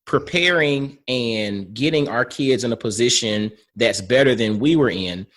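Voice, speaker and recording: A male podcast host speaks reflectively, grows animated as he makes his points, and murmurs agreement while his guest talks. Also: mid-range voice, unhurried. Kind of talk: casual conversation.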